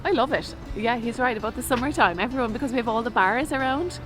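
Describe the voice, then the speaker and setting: A woman's voice: fairly high pitch, quick pace. A woman from Galway with a west of Ireland accent, chatting enthusiastically as a vlog co-host over music. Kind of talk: casual vlog chat. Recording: music playing behind the voice. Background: clear background music.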